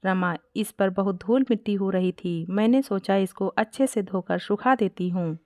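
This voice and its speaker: A woman's voice: mid-range voice, normal speed, mellow, dry recording, clean studio sound, lightly acted. A woman voicing a naive, well-meaning young daughter-in-law in a read-aloud family story. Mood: innocent. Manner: innocent, literal-minded. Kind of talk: storybook character reading.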